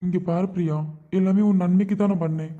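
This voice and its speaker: A woman's voice: on the low side, steady tone, quick pace, lightly acted. A woman voicing a controlling but remorseful father in a cartoon series. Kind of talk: cartoon web series voice acting. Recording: tinny phone-like recording.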